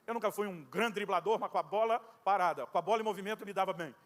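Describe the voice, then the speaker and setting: A Brazilian pastor preaching a sermon, telling a story and acting out both sides of the dialogue. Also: male voice, high voice, rapid-fire, a bit bright, big-room sound. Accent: Brazilian Portuguese.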